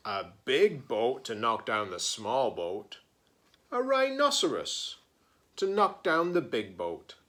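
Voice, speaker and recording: Reading a picture book aloud to kids, this male teacher-librarian uses a fairly high, fairly bright voice, with playful drama, pauses and chatty asides.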